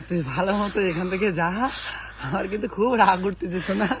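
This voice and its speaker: A man acting as a bickering husband in a comedy sketch, sugary on the surface and spiteful underneath. The voice is high for a man, with faint background noise. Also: fairly even intonation, fast, natural voice. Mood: mock-sweet. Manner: sugary endearments wrapped around insults. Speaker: comic sketch actor. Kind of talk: comic family sketch.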